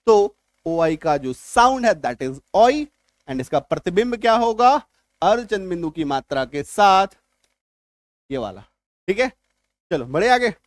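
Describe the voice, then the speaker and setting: A man teaching English spelling and pronunciation in Hindi, going slowly, repeating words and often checking whether his viewers understood. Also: sits high, no room sound. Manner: slow and repetitive, often checking that viewers follow. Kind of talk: spoken Hindi spelling lesson.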